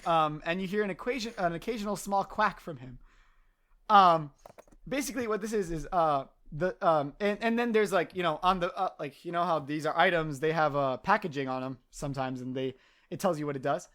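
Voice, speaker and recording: Woman game master, lower voice, rambling narration full of ums. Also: fairly quick, a bit bright. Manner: rambling, full of ums and uhs, laughs easily.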